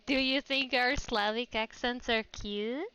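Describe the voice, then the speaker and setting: Bright chatty woman with a Russian accent. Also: a little high, fairly even intonation, a little slow, clear, resonant tone, low-quality recording. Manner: chatty and rambling, laughs often. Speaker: VTuber streamer. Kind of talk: casual livestream chat.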